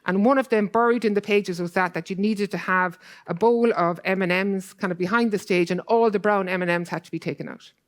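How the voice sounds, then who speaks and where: A woman speaks at a conference at a middle pitch. Her delivery is earnest and quick. She fills her sentences with "kind of" and "like" as she goes. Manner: earnest, fast, loose with fillers like "kind of". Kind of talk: conference talk. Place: conference hall.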